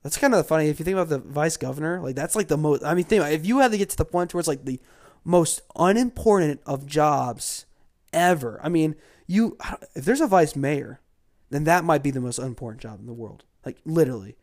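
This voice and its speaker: A man's voice: on the high side, expressive, brisk. A man from Georgia ranting about politics in a casual, sarcastic and mocking way, dropping to mutters and then flaring up. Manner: sarcastic and mocking, swinging from mutters to loud outbursts. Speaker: political commentator.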